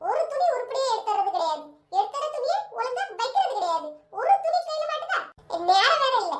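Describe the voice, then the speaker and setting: Woman doing a squeaky bossy young wife. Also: sing-song, a little fast, background noise. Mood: nagging. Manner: scolding, complaining. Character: bossy young wife, nagging and quick-tempered. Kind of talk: comedy skit. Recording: roomy echo.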